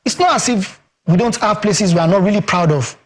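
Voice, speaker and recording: The voice is high-pitched, brisk and a bit breathy: a Nigerian man with a Yoruba accent, speaking as a communications expert invited onto a TV studio interview. He's emphatic and rhetorical, leaning on phrases like "guess what" and "you understand."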